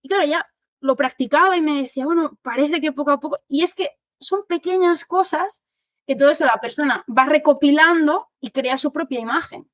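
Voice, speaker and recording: High-voiced, animated Spanish woman therapist. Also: a little fast, no room sound. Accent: Spanish from Spain. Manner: animated, explanatory, acts out quotes. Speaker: occupational therapist giving a talk. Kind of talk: informal talk to families.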